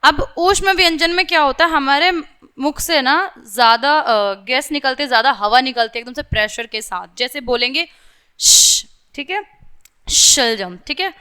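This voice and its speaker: A young woman teacher explaining lessons to small children, slowly sounding out letters and checking again and again that they follow, with English words mixed into her Hindi. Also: sits high, lively intonation, sharp tone.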